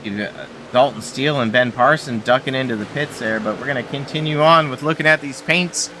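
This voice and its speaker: A Canadian man calling an online truck race as lead commentator, relaxed and chatty. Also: medium pitch, brisk, a little hiss or hum. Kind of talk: sim racing commentary.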